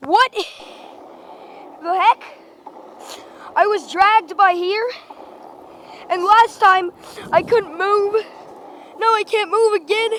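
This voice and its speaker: A woman's voice: very high-pitched, takes it slowly, pauses often, fairly bright tone, a little hiss or hum, exaggerated voice. A woman voicing an indignant, complaining male toy bear that is stuck in place. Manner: complaining, repetitive.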